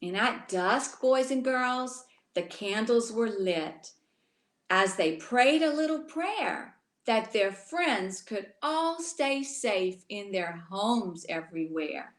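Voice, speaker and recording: A woman from Louisiana reads a bedtime story aloud, expressively addressing her young listeners directly. Her voice is on the high side, she takes it slowly, and the room is echoey.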